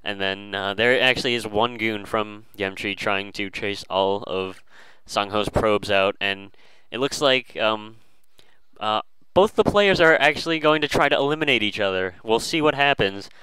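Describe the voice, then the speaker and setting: A man's voice: on the low side, normal speed, sharp tone, clean tone, dry recording, poor audio. A man casually commentating a strategy game, hesitant and full of fillers and restarts.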